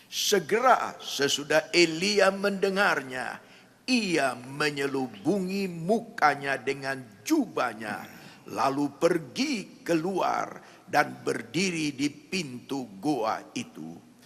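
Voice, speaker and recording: A man reading scripture aloud in a measured, steady way during a prayer service. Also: a little high, gravelly, slightly rough. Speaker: scripture reader.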